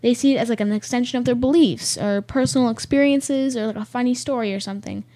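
A teenage girl with a fairly high, mellow voice co-hosts a student radio show, talking fast in casual chat. She's giggly and chatty, filling her speech with lots of "like" and "um".

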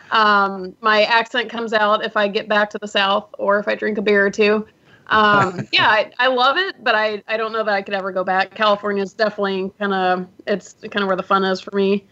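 A young adult woman from Georgia in the US South appears as a podcast guest and business founder, chatting casually and often laughing at herself. Her voice is mid-range and fairly bright. The lo-fi recording sounds muffled.

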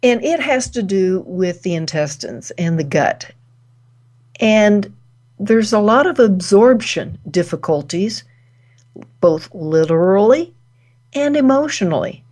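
A woman hosting a wellness talk, speaking deliberately and pausing between short phrases. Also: mid-range voice, animated, darkish tone. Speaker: host.

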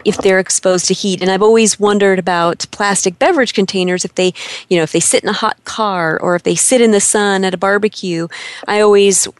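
A woman's voice: on the low side, no room sound. A woman hosting an interview, chatty and affirming, asking long conversational questions with personal asides. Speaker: interview host.

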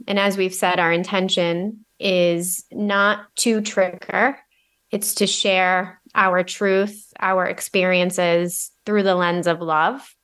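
A woman's voice: fairly low pitch, fairly bright tone, clear, resonant tone. A woman co-hosting a podcast, talking conversationally in a reflective, earnest way as she explains things. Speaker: podcast co-host.

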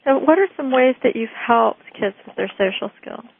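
A woman's voice: a little high, expressive, moderate pace, vocal fry, husky. A woman host asking a guest questions, with short prompts and follow-ups. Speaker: interview host. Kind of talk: interview questions. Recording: tinny phone-like line, dry.

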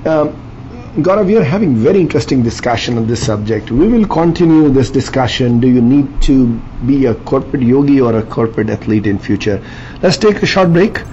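A man's voice: mid-range voice, lively intonation, brisk, mellow. A man hosting a radio interview show in a conversational way, on a lo-fi, slightly noisy line. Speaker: radio talk show host. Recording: dull lo-fi line with faint noise.

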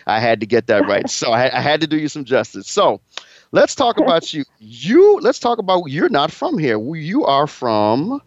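A man's voice: on the high side, huge pitch swings, normal speed, no room sound, muffled recording. A man hosting a radio interview show, chatting casually and often stumbling over and repeating his words. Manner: stammering, repeats words when flustered.

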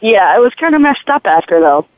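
A woman calling in over a clipped phone line, speaking haltingly, with many restarts. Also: medium pitch, big pitch swings, no echo. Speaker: caller. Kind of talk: call-in chat. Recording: tinny dry phone line.

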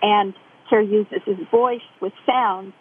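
A woman speaking as an interview guest, explaining things in careful, clear phrases. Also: medium pitch, fairly even intonation, slow, a little hiss or hum. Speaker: interview guest describing a man's communication. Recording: dull lo-fi radio-style sound.

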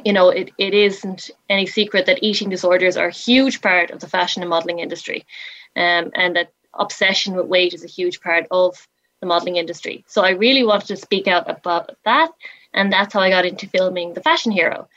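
A woman's voice: fairly low pitch, steady tone, a little fast, fairly bright tone, dry recording. A woman in her late twenties with a west of Ireland accent, telling her own story conversationally as an interview guest. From Galway, west of Ireland. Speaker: interview guest, former model. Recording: slightly dull, band-limited audio.

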